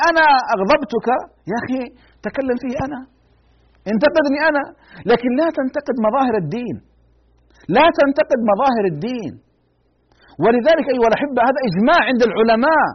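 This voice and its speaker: A man giving a religious lecture. He speaks emphatically, repeats his warnings, and moves between low grave tones and raised pleading. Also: a little hiss or hum. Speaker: lecturer on the Prophet's biography. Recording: dull lo-fi recording.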